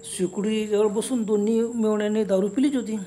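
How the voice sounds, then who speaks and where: High-voiced man telling a ghost story. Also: steady tone, dark tone. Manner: conversational, unhurried storytelling. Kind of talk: first-person horror story narration. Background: background music and crickets.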